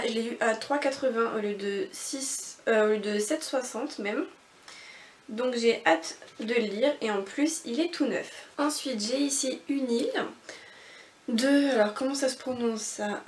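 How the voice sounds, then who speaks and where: A young woman rambles cheerfully through a casual book haul, her speech full of fillers and restarts. Her voice sits on the high side. She sounds set back from the mic in a room with a lot of echo. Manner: chatty, rambling, many fillers. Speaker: book vlogger. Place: bedroom with bookshelf and mirror. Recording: echoey room, from far off the mic.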